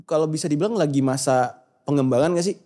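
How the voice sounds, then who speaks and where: A man's voice: a little high, fast talker. A young man, a music producer, chatting casually in slang and acting out what people say. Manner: relaxed slangy talk, acts out quoted dialogue. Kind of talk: casual chat.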